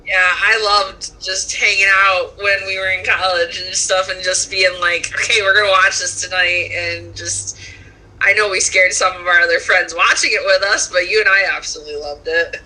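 A woman's voice: lowish voice, fairly even intonation, normal speed, sharp tone, rough recording. A young woman co-hosting a casual podcast, talking in an eager, gushing way. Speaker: podcast co-host. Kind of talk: casual chat.

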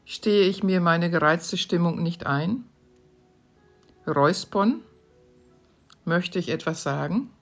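A woman hosting her podcast, reading short questions aloud from her own book in a calm, measured way. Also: fairly low pitch, faint music behind. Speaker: podcast host.

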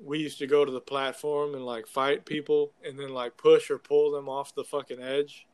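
A man's voice: medium pitch, little pitch movement, normal speed, darkish tone, clear, resonant tone. A young man in casual conversation, talking like a frat bro with loose slang and plenty of swearing. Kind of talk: casual chat about video games.

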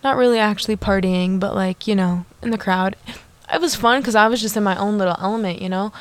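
A young adult woman hosts her own solo podcast, bubbly and chatty, peppering it with "like" and asides to listeners. Her voice is mid-range and she speaks quickly.

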